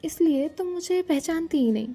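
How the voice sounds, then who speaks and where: A woman narrator voicing a calm, reserved young woman who answers in short, dry replies. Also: very high-pitched, normal speed, soft background music, pitched above the performer's own voice.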